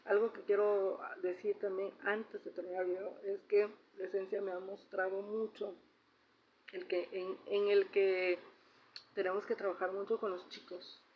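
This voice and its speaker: A woman's voice: mid-range voice, level tone, moderate pace. A middle-aged woman with a Mexican accent, telling a family story in a casual personal vlog and often tagging her sentences with a questioning "¿no?". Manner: chatty, ends phrases with a questioning "¿no?". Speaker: vlogger sharing personal reflections. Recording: slightly dull recording with faint noise.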